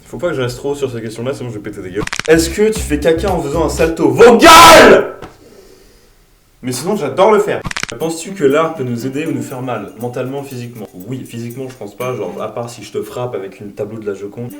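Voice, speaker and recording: A man's voice: mid-range voice, fast. Young man ranting in a roomy room. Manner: crude, self-mocking, bursts into mock-angry shouting. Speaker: YouTuber answering viewer questions. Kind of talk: casual Q&A vlog. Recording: roomy sound from a distant mic with music. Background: background music.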